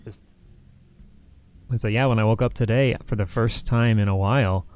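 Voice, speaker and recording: Exhausted streamer, low mellow voice, halting, keeps restarting sentences. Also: male voice, steady tone. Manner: halting, restarts often, tired. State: mentally exhausted. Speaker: streamer and co-host. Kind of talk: casual chat on a livestream.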